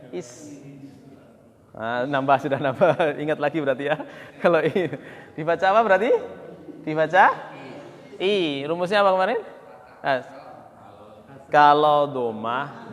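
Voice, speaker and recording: Male recitation teacher, higher-pitched voice, patient drilling and slow chanting, long mosque echo. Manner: patient, drills students, counts aloud, chants verses slowly. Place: mosque hall.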